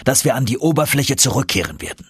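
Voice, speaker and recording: A man's voice: mid-range voice, very animated, fast, slightly rough, no room sound, clean studio sound, pitched above the performer's own voice. A man voicing a stern, obsessive old professor on an expedition, commanding and stubborn, in an audiobook reading. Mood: persuasive. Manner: stubborn, commanding, tender at times.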